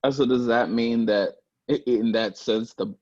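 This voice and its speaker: A man's voice: mid-range voice, measured pace, darkish tone, lo-fi sound. A male student in a classroom, answering and asking questions hesitantly and trailing off.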